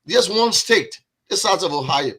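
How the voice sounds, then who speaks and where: A man's voice: sits high, lively intonation, normal speed, background noise. A man with a Liberian accent, a guest on a discussion podcast, talking earnestly and repeating words as he builds his point.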